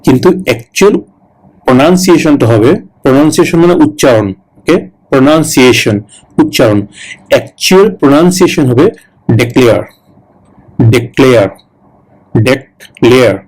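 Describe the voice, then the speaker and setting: A man, tutoring for a citizenship test, slowly repeating English words and then explaining them quickly. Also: a little high, lively intonation, darkish tone, rough recording.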